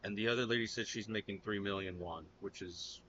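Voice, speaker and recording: American man, fairly low voice, casual reaction host, blunt and loose, slightly dull lo-fi sound. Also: fairly even intonation, brisk, sharp tone, a little hiss or hum. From United States. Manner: loose and blunt, calls viewers "man" and "dude".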